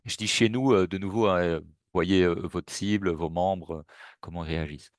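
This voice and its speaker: A man's voice: low voice, steady tone, normal speed, no room sound, clean studio sound. A man presenting a webinar in a casual, hesitant way, with many fillers and restarts. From Belgium.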